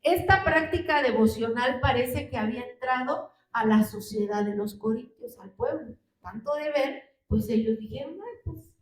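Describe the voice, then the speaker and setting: Female preacher, high pitched, asks rhetorical questions, recorded from afar in a roomy hall. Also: normal speed, few pauses. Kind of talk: sermon. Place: church hall. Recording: roomy hall, distant mic.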